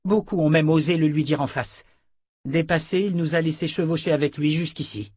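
A man's voice: fairly high pitch, fairly even intonation, a little fast, darkish tone, breathy edge, dry recording, clean studio sound, voice pushed up. A man voicing a loyal young male officer, earnest and respectful as he explains himself.

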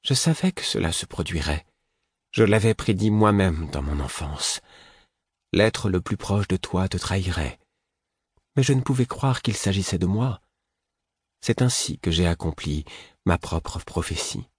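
A man reading the quiet, distant lines of a remorseful male jester in an audiobook. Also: sits low, expressive, a little slow, slightly rough, dry recording, clean studio sound, full character voice. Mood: sorrowful. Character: haunted male jester, old remorseful friend.

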